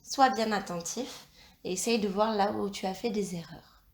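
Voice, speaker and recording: A woman teacher giving a dictation lesson, slowly spelling out sounds and letters. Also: mid-range voice, darkish tone, roomy sound. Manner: slow, carefully spelled-out instruction.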